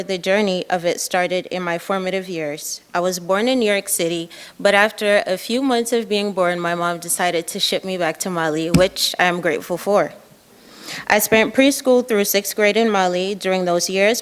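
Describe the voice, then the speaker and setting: A woman panelist telling her personal story in a steady, composed way. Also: lowish voice, normal speed, clear, resonant tone, long reverb tail.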